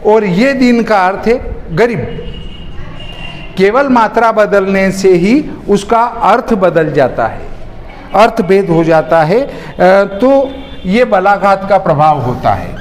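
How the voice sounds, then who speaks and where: Slow high-voiced male teacher in a hall. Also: expressive. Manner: slow and deliberate, draws out single words, repeats terms. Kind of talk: slow classroom grammar lesson. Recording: hall reverb with faint noise.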